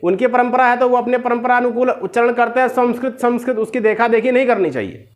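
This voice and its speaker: A man with a North Indian accent teaching Sanskrit grammar, drilling his student with repeated questions and slowing down to recite the rules. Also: very high-pitched. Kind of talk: question-and-answer grammar lesson.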